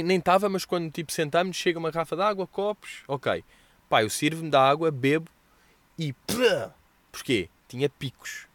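A young man with a European Portuguese accent hosts a podcast, answering listener questions through casual storytelling chat. His voice is on the high side with no echo, and he's slangy and animated, acting out what others said with exaggerated voices.

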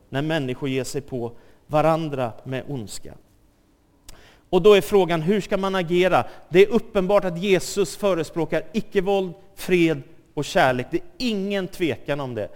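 A man preaching a sermon who keeps checking whether his listeners are with him. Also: high voice. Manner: asks the audience "are you with me?" again and again. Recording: long hall reverb.

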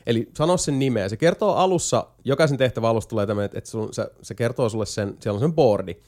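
A man chatting casually as a podcast host, explaining a video game at length with lots of hesitation fillers and a few jokes. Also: mid-range voice. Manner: jokey, lively storytelling. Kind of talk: casual chat.

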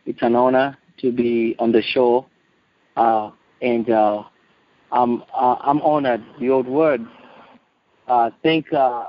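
A man in his late thirties with a Kenyan accent, giving a personal testimony in a halting, earnest way. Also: medium pitch. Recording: muffled, echoey lo-fi phone call.

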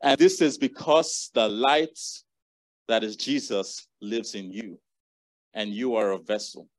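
A man's voice: lowish voice, takes it slowly, dry recording. A man preaching a sermon, earnestly reading and repeating scripture verses to the congregation.

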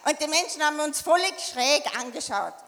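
A woman from Tyrol with an Austrian German accent, telling a church testimony in short phrases and pausing for an interpreter. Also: sits high, animated, a bit bright, slight background noise. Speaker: church member giving testimony. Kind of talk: sharing a personal story in short phrases for an interpreter. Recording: echoey hall with long reverb.

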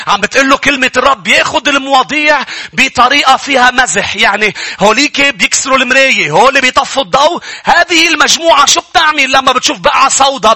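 A Lebanese-accented male pastor delivers a sermon with a high, very bright and piercing voice. He preaches emphatically, rising to urgent, forceful passages and then dropping to hushed, low ones. The recording is dry and close, with no room echo. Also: slightly rough. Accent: Lebanese Arabic.

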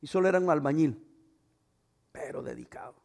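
Middle-aged man, pastor, high voice, fervent sermon, loud then hushed. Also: animated, a little fast, creaky. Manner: swings from loud fervent preaching to quiet intimate asides.

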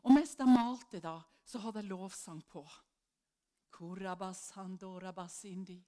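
Woman preaching and telling a lively story. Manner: lively storytelling, acts out quoted voices with jumps in pitch and loudness. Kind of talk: sermon with personal story.

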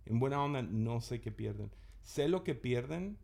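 A man in his thirties with a gravelly edge to his voice. He co-hosts a casual podcast and recounts a frustrating story, acting out what each person said. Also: medium pitch, expressive, moderate pace, mellow. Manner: exasperated, recounting with quoted dialogue. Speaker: podcast co-host.

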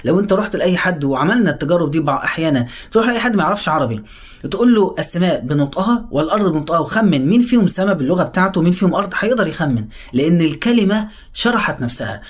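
A man with an Egyptian accent explaining how to read the Quran, talking quickly and then slowly drawing out the example words. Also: high voice, expressive, husky. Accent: Egyptian Arabic. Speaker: religious teacher. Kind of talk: explanatory talk on Quran recitation.

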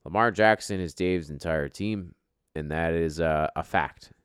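A man's voice: low-pitched, measured pace, fairly bright tone, smooth, dry recording, clean studio sound. A man hosting an informal fantasy sports top ten countdown show, with profane, bro-style trash talk. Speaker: fantasy football league show host.

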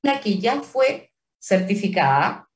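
A woman with a Chilean Spanish accent speaks as a trademark office official in an interview. She explains carefully, pausing on fillers and restarting phrases. Her voice sits a little away from the microphone. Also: medium pitch, sing-song, recorded from a distance.

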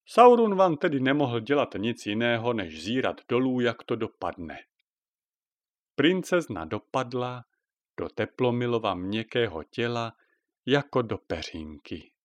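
A man telling a fairy tale to his child, expressive and playful as he narrates. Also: medium pitch, no echo. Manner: lively, expressive. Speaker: father telling a bedtime story. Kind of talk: storytelling narration.

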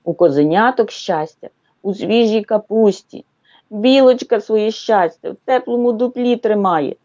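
A woman's voice: a little high, mellow, dry recording, highs cut off, pitched above the performer's own voice. A woman voicing a timid little boy bunny in a children's story, eager and wistful.

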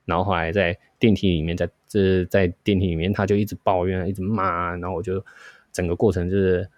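A man with a Taiwanese Mandarin accent tells a workplace story in his low voice at a quick clip. He slips into the voices of the people he quotes as he goes. The sound is dry and close, with no room echo. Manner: animated storytelling, acts out quoted dialogue. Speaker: podcast host. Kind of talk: storytelling chat.

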